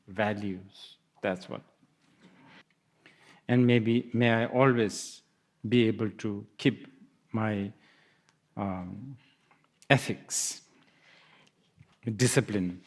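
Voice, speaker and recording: A man giving a Buddhist dharma talk, musing aloud with laughs and hesitant restarts. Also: on the low side. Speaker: Buddhist teacher. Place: lecture hall.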